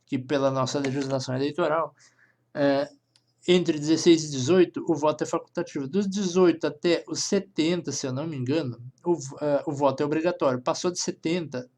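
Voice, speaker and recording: In a screencast coding lesson, a programming instructor with a Brazilian Portuguese accent thinks aloud as he types. After each step he checks in with listeners, often asking "tá?". His voice is on the high side and darkish, and his pace is brisk.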